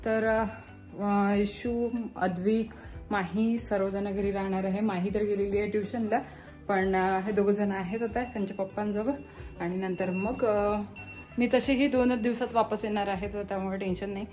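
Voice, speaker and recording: A woman's voice: mid-range voice, fairly even intonation, moderate pace, darkish tone, faint music behind. A woman in her thirties with a Marathi accent, chatting casually in her vlog and explaining products step by step. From Maharashtra, India. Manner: chatty, explains step by step, mixes English words into speech. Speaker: vlogger.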